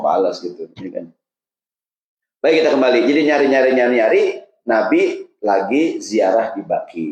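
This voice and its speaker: A man's voice: mid-range voice, darkish tone, dull audio. A man preaching a casual, humorous sermon, joking and asking the audience questions. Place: mosque hall. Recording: roomy mosque echo.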